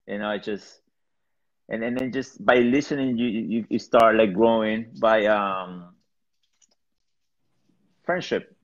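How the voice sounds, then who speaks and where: A man from Peru, chatting casually as an interview guest. He rambles loosely, with lots of fillers and restarts. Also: lowish voice. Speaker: salsa DJ guest. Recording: dull lo-fi sound.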